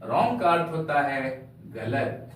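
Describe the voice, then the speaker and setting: A man's voice: a little high, very animated, slow pace, fairly bright tone. A man teaching a spoken English lesson to students, spelling words out letter by letter and calling them dear children, recorded from a distance in a very echoey room. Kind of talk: classroom-style spoken English lesson in Hindi.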